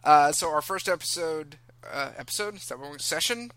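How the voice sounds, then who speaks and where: A man's voice: on the high side, expressive, brisk, fairly bright tone, no room sound. A man hosting a casual podcast from a room in his house, chatty and self-deprecating, rambling with restarts. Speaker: podcast host.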